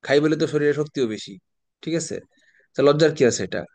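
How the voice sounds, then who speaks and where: A man's voice: on the high side, animated, fairly quick, a little mellow, no room sound. A middle-aged man with a Bangladeshi Bengali accent, teaching an online exam prep class in a chatty way, telling anecdotes and sprinkling in English words.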